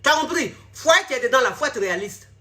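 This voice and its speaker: A woman speaks to her viewers as a relationship coach. Her voice sits high and bright. She is blunt and scolding and repeats her points again and again. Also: expressive, a little fast. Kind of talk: direct-to-camera social media talk.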